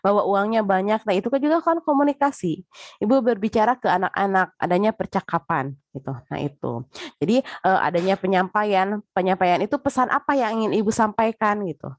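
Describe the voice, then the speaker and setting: A woman's voice: mid-range voice, expressive, a little fast, dry recording. A woman giving a casual spoken lecture, chatty, with frequent filler tags, talking straight to her listeners.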